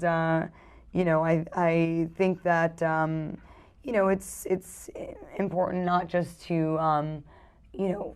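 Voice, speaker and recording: A woman's voice: lowish voice, darkish tone, clear, resonant tone. A woman actor talking casually in an interview, hesitant and full of fillers and restarts. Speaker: actress in a film interview.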